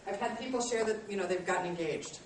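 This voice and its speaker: A woman's voice: mid-range voice, fast talker, recorded from a distance, noisy background. Woman teacher in an echoey classroom. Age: 30s. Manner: friendly, self-deprecating, many ums. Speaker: college instructor. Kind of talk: classroom lecture.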